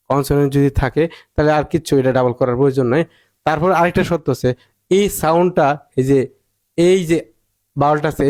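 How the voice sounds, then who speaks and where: A man teaching English spelling rules, repeating himself, asking rhetorical questions and sounding out words slowly. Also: on the high side, darkish tone. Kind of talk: spelling and pronunciation lesson.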